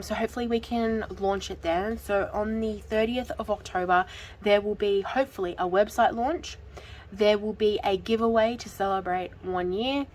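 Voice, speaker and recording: A woman's voice: mid-range voice, a little hiss or hum, rough recording. A woman, hosting a casual budgeting vlog in a chatty, giggly way with frequent ums. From Australia. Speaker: budgeting channel host.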